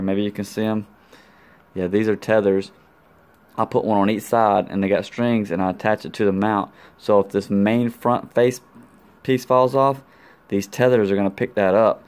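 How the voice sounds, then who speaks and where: This motorcycle vlogger has a lowish, darkish, clear and resonant voice. He walks through his gear in a casual, hands-on tutorial, speaking colloquially and tossing in playful sound effects.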